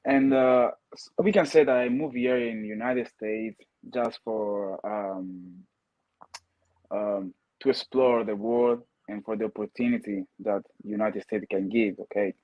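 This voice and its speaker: A young man from Italy, whose first language is a Ghanaian language, gives casual interview answers as a guest with a heavy Italian accent. He's earnest, often restarts words, and tags lines with "okay?" to check in. His voice is lowish with fairly even intonation and an unhurried pace; the recording has no room sound and the highs are cut off.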